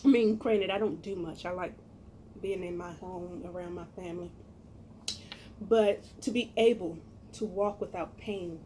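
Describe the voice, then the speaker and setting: A middle-aged American woman chatting casually to viewers as a cooking vlogger, with a folksy, expressive, emphatic manner. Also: fairly low pitch, measured pace, slight background noise.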